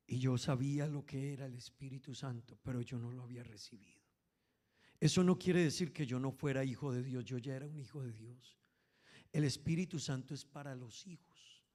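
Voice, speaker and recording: A man preaching a Pentecostal sermon with a Caribbean Spanish accent, who swings between hushed, low talk and loud, shouted passages while often calling his listeners "brother". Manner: keeps addressing listeners as "hermano".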